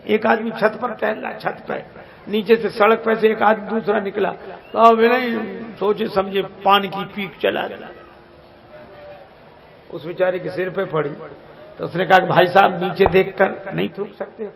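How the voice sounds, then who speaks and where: High, gravelly-voiced man preaching a sermon. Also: a bit bright. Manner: acts out quoted characters with shifting voice and pitch. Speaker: Ram Katha preacher. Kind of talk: storytelling sermon. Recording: live discourse before a large audience. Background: audience laughing.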